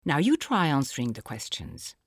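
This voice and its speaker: A woman narrating a scripted audio language lesson, explaining phrases slowly and clearly for the listener to repeat. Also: very deep voice, very animated, no room sound, clean studio sound. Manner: slow, clear teaching delivery with pauses for repetition.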